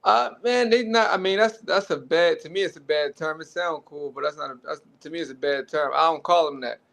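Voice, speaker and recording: A young man with a Baltimore accent talks casually, circling back and restarting his thoughts as he tells a story. His voice sits a little high and carries a gravelly rasp. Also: brisk. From Baltimore, Maryland. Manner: relaxed, rambling with restarts. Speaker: guest.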